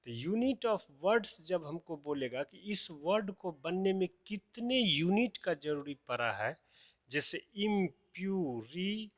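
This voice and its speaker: Slow, patient male teacher. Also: sits high, big pitch swings, a bit bright, no room sound. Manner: slow, repeats key terms as questions and answers them. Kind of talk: classroom lesson for children.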